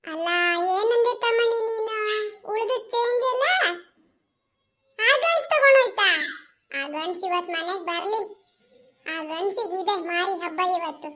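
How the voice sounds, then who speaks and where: Picture a fed-up village wife who grumbles and scolds nonstop. Her voice sits very high and shrill. It is played broadly for a comedy skit. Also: measured pace, pauses often, a bit bright. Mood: scolding.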